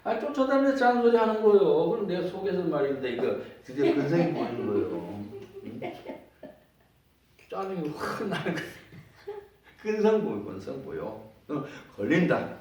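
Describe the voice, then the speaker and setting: A pastor preaches a sermon in a church sanctuary, his high, darkish voice very animated at a normal speed. He speaks emphatically, repeats phrases, and leads the congregation in call-and-response, picked up by a distant mic in a very echoey hall.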